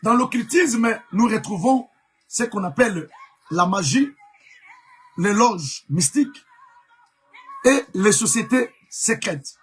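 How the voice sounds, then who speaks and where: A man's voice: high-pitched, lively intonation, slow pace, long pauses, slightly rough, soft background music. A man from Congo preaching a live-streamed sermon as an evangelist, emphatic, repeating key words, with many fillers.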